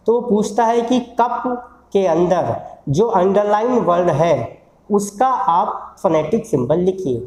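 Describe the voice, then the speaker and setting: A teacher with a mellow, middle-pitched voice leads a recorded lesson on phonetic symbols, saying each example word slowly and more than once. The sound carries a roomy echo. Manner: repeats words slowly to model pronunciation. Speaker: English teacher at a law institute.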